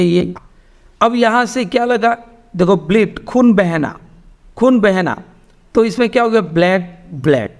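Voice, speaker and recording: High-voiced Indian man teaching slowly. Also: vocal fry. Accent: Indian English. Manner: explains slowly, repeats words, animated rises in pitch. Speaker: English teacher. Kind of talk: Hindi-English spoken English class.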